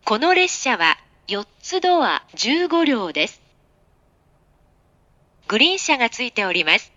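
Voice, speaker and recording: A woman's voice: fairly high pitch, sing-song, pushed and bright, highs cut off. A woman giving a recorded, polite train platform announcement, phrase by phrase. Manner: polite, phrase-by-phrase delivery with pauses. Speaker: station announcer.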